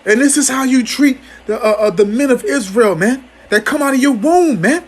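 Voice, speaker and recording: A man's voice: extremely high pitch, expressive, normal speed. A man giving an angry, profane commentary on scripture as a teacher, stammering through restarts and ending almost every phrase with "man".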